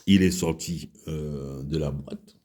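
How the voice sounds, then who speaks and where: Angry Gabonese man, husky voice. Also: very deep voice, fairly even intonation, slow, warm tone. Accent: Gabonese French. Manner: heated, crude, repetitive storytelling. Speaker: commentator. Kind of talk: angry personal monologue.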